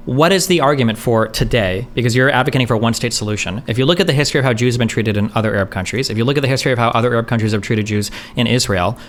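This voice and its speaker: A man in a heated debate, questioning quickly and cutting in with "wait, hold on.". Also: on the low side. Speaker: streamer debating a guest.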